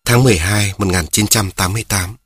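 A man narrating a children's story in a steady reading voice, speaking directly to his listeners. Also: on the low side, fast talker, breathy edge, no room sound, clean studio sound.

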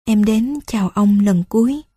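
Woman voicing a gentle teasing young girl. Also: medium pitch, normal speed, husky, no room sound, studio quality, natural voice. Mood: earnest.

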